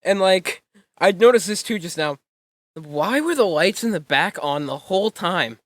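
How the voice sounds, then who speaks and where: A young man with a fairly high voice talks in a loose, rambling way, stopping and restarting his sentences and laughing as he goes. The sound is dry and close, with no room echo. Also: expressive, normal speed. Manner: rambling, self-correcting, laughs often. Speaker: channel host. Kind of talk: casual reaction chat.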